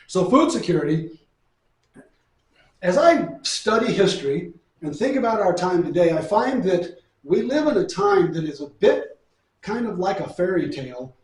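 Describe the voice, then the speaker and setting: Middle-aged guy from new mexico doing a chatty bible lesson, fairly high voice, echoey room. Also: darkish tone. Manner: folksy, storytelling, asks and answers his own questions. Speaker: Bible teacher. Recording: echoey room, far from mic.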